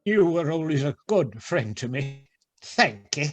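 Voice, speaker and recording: An actor playing a crotchety, reluctant old male miser in a radio play, grumbling in a husky voice. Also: a little high, big pitch swings, measured pace, long reverb tail. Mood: nervous, pleading.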